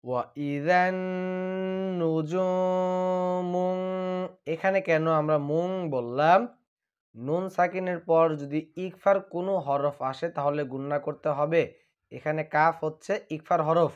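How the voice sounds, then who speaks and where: A man teaching Quran recitation, drawing out each recited phrase slowly and then explaining pronunciation rules in quicker asides. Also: a little high, highs cut off. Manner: alternates slow drawn-out recitation with quick explanations.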